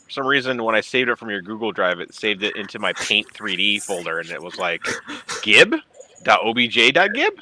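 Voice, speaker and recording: A man's voice: fairly low pitch, sing-song, fairly quick, bright, forceful tone, a little hiss or hum. A man hosting a casual stream, joking and talking through what he does on his computer. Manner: jokey, narrates his own clicks. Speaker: streamer hosting a 3D printing chat. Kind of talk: casual chat while working on a computer.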